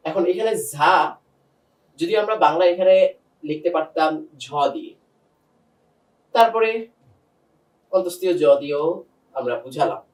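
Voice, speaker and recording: A man's voice: high-pitched, a little mellow, distant mic, rough recording. A man teaching Quran pronunciation one-on-one, patiently demonstrating single sounds and quizzing his student.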